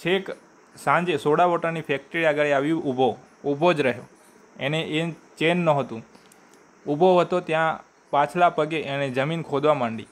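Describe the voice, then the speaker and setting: A man reading a short story aloud in a measured way, sometimes stopping to restart a word. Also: on the high side.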